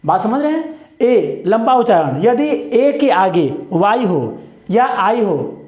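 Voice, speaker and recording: High-voiced Indian man teaching English words. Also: sing-song, a little mellow, echoey room. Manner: repeats words slowly and drawn out, asks "what is it?". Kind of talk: spoken pronunciation lesson.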